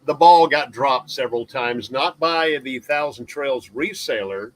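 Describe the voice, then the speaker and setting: A man co-hosting a casual chat, talking in a halting way as he searches for words. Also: medium pitch, low-quality recording. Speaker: host of a live RV chat.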